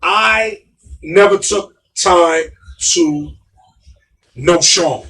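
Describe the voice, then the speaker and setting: A man's voice: high-pitched, drawn-out words, bright, forceful tone, recorded from a distance, slight background noise. A middle-aged man with a New York accent, telling stories in casual, emphatic street talk and repeating himself. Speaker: guest.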